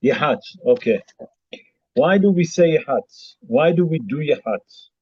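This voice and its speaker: A man's voice: on the high side, animated, breathy edge, dry recording. A man, a rabbi, teaching a class over a choppy group video call and repeating himself as the connection cuts out. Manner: halting, repeats himself while the line breaks up. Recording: muffled lo-fi internet call audio.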